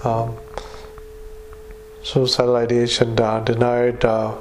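Male physician, dictaphone recording of clinical notes, utterly flat delivery, frequent hesitations. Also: mid-range voice, slight background noise. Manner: flat, halting dictation with many fillers, spells out names. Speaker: doctor. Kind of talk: dictating a medical report into a dictaphone.

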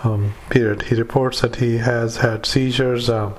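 A man dictating clinical notes as a doctor, in a halting, hesitant, matter-of-fact way with frequent pauses. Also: medium pitch, steady tone, slight background noise. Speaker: doctor dictating a psychiatric evaluation. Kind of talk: medical dictation with spoken formatting cues.

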